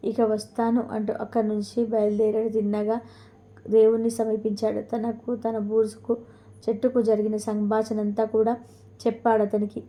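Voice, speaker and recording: Flat-toned woman storyteller. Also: fairly high pitch, normal speed. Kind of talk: scripted narration of a mythological story.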